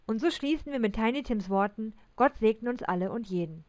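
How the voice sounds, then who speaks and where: Woman narrator, bright high voice, dry close sound, expressive storytelling read. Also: a little fast, dry recording. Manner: expressive, lively character reading. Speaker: narrator of an audiobook reading. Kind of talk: storytelling reading aloud.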